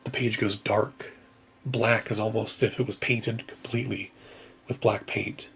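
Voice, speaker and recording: A man narrating a tabletop game as game master, in slow, measured descriptive narration over faint music. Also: fairly low pitch, flat delivery, vocal fry, fairly bright tone, breathy edge.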